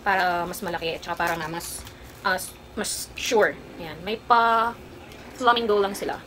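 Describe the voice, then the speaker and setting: A woman's voice: lowish voice, a little fast. Chatty young woman, noisy home recording. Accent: Kapampangan. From Philippines. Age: 20s. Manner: chatty, rambling, with frequent fillers. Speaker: vlogger. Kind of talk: casual haul vlog and personal story.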